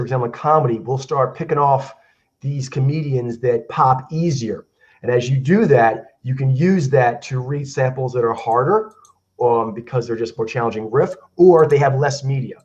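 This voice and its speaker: Slightly hoarse man, rambling host. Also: medium pitch, darkish tone, highs cut off. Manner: loose and rambling, many fillers. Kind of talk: casual online chat. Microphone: video call.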